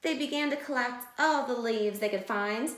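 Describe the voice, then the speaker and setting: In an echoey room, a woman teacher with a fairly high, somewhat bright voice reads a picture book aloud to young children at a normal speed. She follows it with simple, expressive explanations as a mini lesson.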